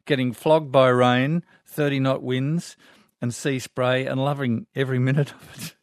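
An older Australian man hosts a talkback radio show, reading listeners' letters in an easygoing, folksy manner at a moderate pace. His medium-pitched voice stays fairly level, mid-range for a man, and is captured close and dry on a studio microphone.

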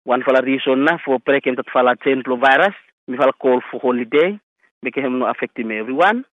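A man's voice: medium pitch, brisk, no echo. A man with a Solomon Islands accent speaking Solomon Islands Pidgin as an interviewee in a radio news interview. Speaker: school health committee chairman being interviewed. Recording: tinny phone-like radio line.

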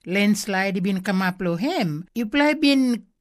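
A woman's voice: mid-range voice, expressive, slow. A woman with a Melanesian accent asking interview questions in pidgin.

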